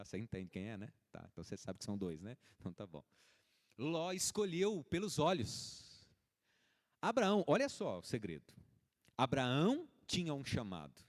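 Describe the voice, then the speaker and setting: A man preaching a sermon, animated and joking as he acts out little scenes. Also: high voice. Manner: animated, jokes and mimics people in little scenes. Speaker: pastor. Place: church hall. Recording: long reverb of a church hall.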